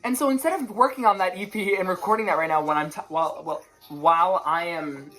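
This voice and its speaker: Rambling low-voiced young woman with a lisp. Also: fairly bright tone. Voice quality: slight lisp. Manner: rushed, rambling, self-interrupting, stutters. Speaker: musician vlogger. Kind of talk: casual chat to camera. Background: faint music.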